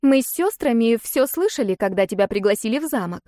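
A woman reading a storybook, voicing an earnest young girl who is the narrator's little sister, squeaky and eager. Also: expressive, fairly quick, dark tone, no echo, studio quality, close to an everyday voice.

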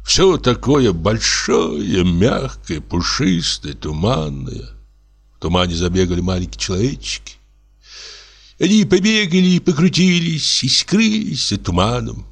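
Brief: husky male audiobook reader, slow and lively in pitch, expressive literary narration. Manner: expressive, acts out the narrator's own outbursts.

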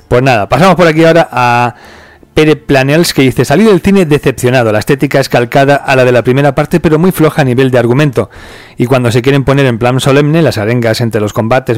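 A man's voice: mid-range voice, no echo. A man from hosting a casual podcast, chatting about a film and reading out listener comments. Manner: relaxed, chatty, laughs and swears now and then. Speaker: podcast host.

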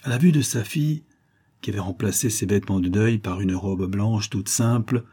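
Husky, dark-toned male audiobook narrator. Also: on the low side, normal speed.

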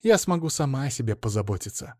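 A man's voice: mid-range voice, lively intonation, quick pace, no room sound, studio quality, close to an everyday voice. A man voicing a proud, fed-up divorced middle-aged woman who speaks firmly and sharply, in an audiobook. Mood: defiant. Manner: sharp, firm.

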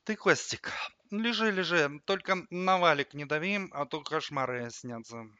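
A man's voice: fairly high pitch, unhurried, bright, forceful tone, clear, resonant tone, dry recording, muffled recording, voice pushed up. A man voicing a sleepy, easily startled male sofa in an audio story, mumbling drowsily. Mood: drowsy.

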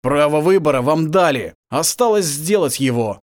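A man's voice: fairly high pitch, expressive, moderate pace, dry recording, studio quality, pitched above the performer's own voice, close to an everyday voice. A man doing a steadfast werewolf warrior. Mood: firm. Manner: firm, raised voice. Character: grave male werewolf warrior, calm and steadfast.

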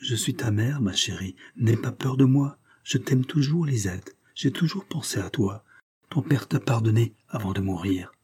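A man voicing a soft-spoken grieving mother. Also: mid-range voice, moderate pace, husky, lightly acted. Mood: tender. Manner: soft, hushed and soothing. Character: grieving older farm mother, tender and gentle.

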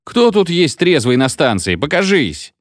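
A flustered, officious chief conductor, voiced by a male reader, pleading and insisting in a lively, rising voice. The recording is dry and close. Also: mid-range voice, moderate pace, no room sound, voice pushed up, lightly acted. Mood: urgent. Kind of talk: audiobook character voice.

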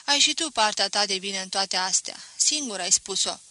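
A shaken, ashamed young man, voiced by a female reader speaks in a sharp, very bright tone. The recording is dry, with no room sound. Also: medium pitch, animated, no echo. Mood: desperate.

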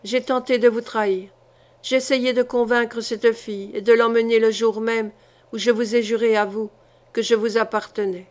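A woman reading an audiobook voices an ambitious medieval duke, tense and clipped, in her own fairly high voice. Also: little pitch movement, normal speed, darkish tone, lightly acted. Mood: grim.

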